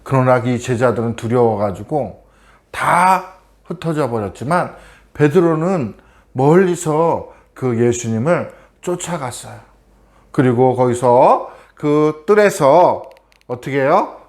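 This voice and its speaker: A man's voice: medium pitch, darkish tone. A man from Korea giving a children's sermon as a preacher, telling the story and asking the children questions.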